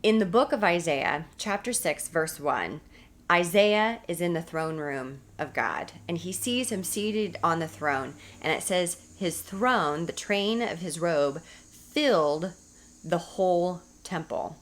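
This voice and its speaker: An American woman with a slightly low voice teaches a recorded women's Bible study. She speaks earnestly and repeats key phrases to drive each point home. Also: lively intonation, takes it slowly.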